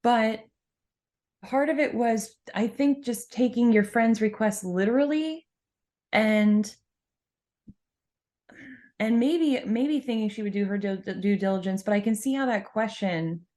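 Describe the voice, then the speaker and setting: A woman co-hosting a podcast, explaining events in a measured, reflective way with dry, wry asides. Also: on the high side, darkish tone. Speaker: podcast co-host. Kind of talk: casual podcast chat.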